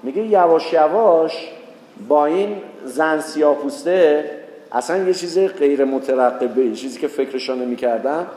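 A religious teacher with a warm voice delivers a sermon built around a told story, acting out the characters' quoted lines with a rising pitch. The recording comes from an echoey hall with long reverb.

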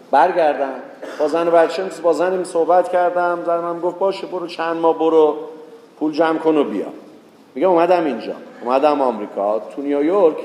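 A religious teacher with a darkish voice tells a story within a sermon, acting out quoted voices with rising pitch. The recording carries a little hiss or hum and the long reverb of an echoey hall.

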